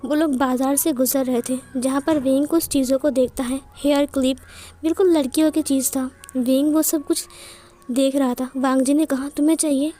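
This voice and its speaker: A woman narrating a fan fiction story in a plain, steady storytelling manner. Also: high voice, normal speed.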